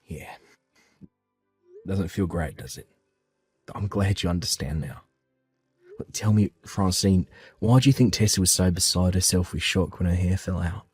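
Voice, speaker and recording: A man calmly telling his own family story in the first person and voicing his part of the dialogue with reassuring warmth. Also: low-pitched, normal speed, long pauses, husky, no echo, soft background music. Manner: calm, reassuring, heartfelt.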